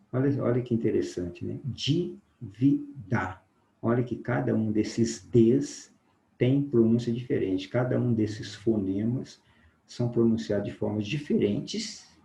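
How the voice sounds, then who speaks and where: Man, Mineiro Brazilian accent, teacher, patient explaining, slow sound demonstrations, low gravelly voice. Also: dark tone, reverberant, poor audio. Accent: Mineiro Brazilian Portuguese. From Minas Gerais, Brazil. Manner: explanatory, repeats "né?" often, demonstrates sounds slowly. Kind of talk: recorded phonetics lesson.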